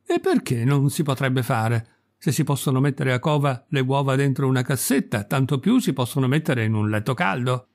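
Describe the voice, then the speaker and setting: A man's voice: mid-range voice, animated, moderate pace, natural voice. A man reading a story aloud, voicing a crafty, teasing farmer who talks in a wheedling, mock-serious way. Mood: sly. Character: sly teasing country farmer, crafty middle-aged man.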